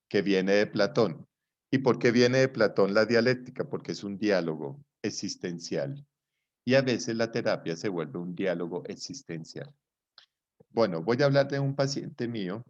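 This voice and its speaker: A man giving a live psychology class in a conversational way, often checking whether students follow. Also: fairly low pitch. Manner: conversational, checks understanding with rhetorical questions. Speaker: psychology lecturer. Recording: dull lo-fi recording.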